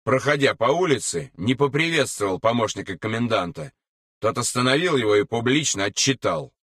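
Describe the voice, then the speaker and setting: A man reading an audiobook in a measured, unhurried way. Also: medium pitch, animated, a bit bright, no echo, clean studio sound, distant mic. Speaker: narrator. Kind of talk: audiobook narration.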